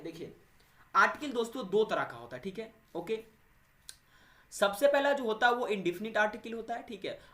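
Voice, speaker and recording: A man with a high, sharp voice, sounding roomy, leads an exam-preparation English grammar class. Addressing students as friends and little brothers, he asks questions and then supplies the answers himself.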